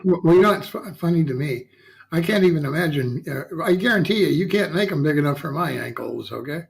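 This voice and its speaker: A man's voice: fairly high pitch, animated, a little fast, gravelly, poor audio. A man hosting a casual online interview, folksy and chatty, often tagging his sentences with "okay?" and "yeah". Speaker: talk show host.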